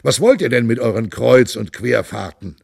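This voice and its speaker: A man's voice: medium pitch, lively intonation, moderate pace, vocal fry, no room sound, studio quality. A man voicing a seasoned, skeptical old male knight who speaks cautiously and questions the others.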